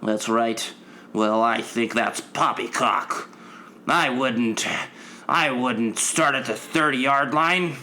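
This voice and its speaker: A man's voice: medium pitch, slow pace, sharp tone, slight background noise. A man voicing a prim, nerdy stereotyped man who speaks in a stiff, proper way.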